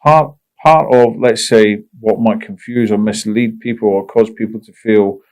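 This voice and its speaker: A man hosting a podcast interview, thinking aloud in a measured, reflective way and sometimes searching for words. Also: fairly low pitch, steady tone, a little mellow. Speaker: podcast host.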